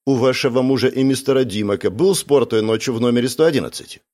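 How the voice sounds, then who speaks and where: A man's voice: mid-range voice, quick pace, darkish tone, lightly acted. A man voicing a cold, stern young woman. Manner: cold, clipped questioning.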